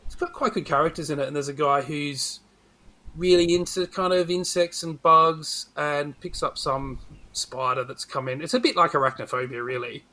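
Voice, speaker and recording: He's a middle-aged podcast co-host reviewing films in an informal, opinionated way with a dry wit. The voice sits on the high side, bright and forceful, with fairly even intonation and a moderate pace.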